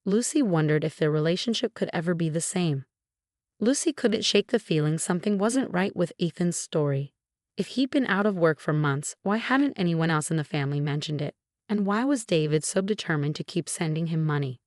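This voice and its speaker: A woman reading a family drama story aloud in an even, measured way. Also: fairly low pitch, no room sound, clean studio sound. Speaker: story narrator. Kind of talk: scripted narration.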